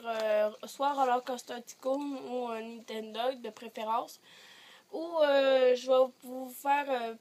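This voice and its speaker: Sitting on her bed, a teenage vlogger with a Quebec French accent talks casually to her device camera held at short range, wandering through her thoughts with lots of hesitation. Her voice is high and a bit stuffy from a cold, with slight noise in the background.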